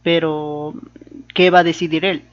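A man's voice: on the high side, flat delivery, unhurried, dull audio. A man giving casual commentary on a fan comic, often asking the listener to agree. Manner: questioning, conversational, asks the viewer for agreement.

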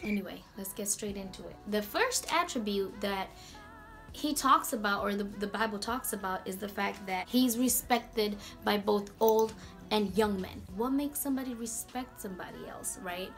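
A woman hosting a casual Bible talk vlog in a chatty, slangy, animated way. Her voice is going hoarse. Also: medium pitch, moderate pace, faint music behind. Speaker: video host.

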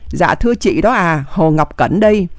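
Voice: mid-range voice, animated, moderate pace, no room sound, studio quality, natural voice. A reader voicing a male army colonel who is under fire and asks urgent questions on the phone in an audiobook reading.

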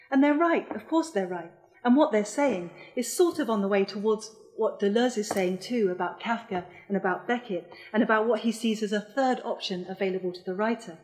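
A woman of middle age reads her own essay to a lecture audience. Her voice sits at an ordinary pitch for a woman. She is measured and thoughtful, with a dry, wry edge. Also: darkish tone, low-quality recording. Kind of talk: reading an essay aloud. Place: lecture hall.

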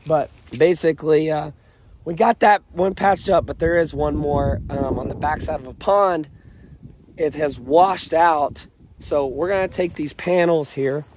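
A man talks outdoors on his land, his voice a little higher than most men's and scratchy from a cold. He walks the viewer through the fence work in an easygoing, step-by-step way, with a faint hiss of noise under him. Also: a little slow, a little mellow. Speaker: ranch vlogger. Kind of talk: casual outdoor vlog narration. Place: outdoors on a rural property. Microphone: camera-mounted action cam.

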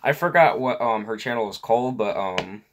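Rambling man vlogger, lowish voice. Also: expressive, moderate pace, slight background noise. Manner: rambling, many filler words, repetitive. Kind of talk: casual talk to camera.

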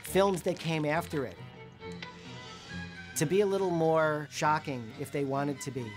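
A woman in an interview, speaking in a measured, thoughtful way. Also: sits low, over music.

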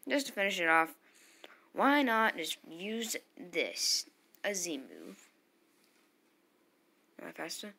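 A woman giving live commentary while playing a battle game, excitable and yelling at the screen. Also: medium pitch, takes it slowly, vocal fry, long pauses, breathy edge. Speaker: gamer playing online battles.

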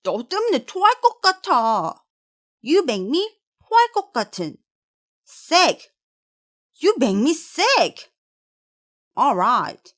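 A high, bright woman's voice guides the lesson in a lilting, singsong way. She stretches the example sentences out slowly, one phrase at a time. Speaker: lesson presenter. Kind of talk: scripted lesson narration.

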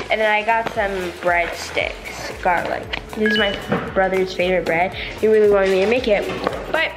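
A young woman vlogging as she cooks in a large home kitchen, explaining each step in a chatty way. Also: mid-range voice. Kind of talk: casual cooking vlog. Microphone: handheld camera, at times set down further away. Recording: echoey kitchen with music behind.

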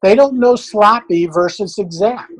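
A man's voice: high-pitched, a little slow, low-quality recording. An older man, a dog trainer, answering questions in a blunt, folksy, plain-spoken way.

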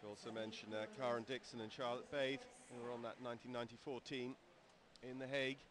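A man giving steady, informative commentary on an outdoor equestrian event. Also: medium pitch. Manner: measured, informative, steady delivery. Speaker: lead commentator. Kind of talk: sports commentary. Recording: outdoor broadcast with crowd noise.

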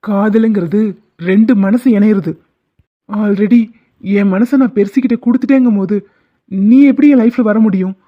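A man's voice: high voice, fairly even intonation, normal speed, pauses often, lo-fi sound, natural voice. A man voicing a stern young village man in a cartoon, harsh and scolding. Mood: angry. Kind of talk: cartoon dubbing.

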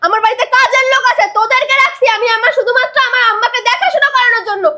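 A fiercely protective young wife, acted by a woman. She scolds fast and hard in a very high, bright, piercing voice. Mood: angry. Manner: scolding, forceful, insistent. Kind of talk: amateur drama acting.

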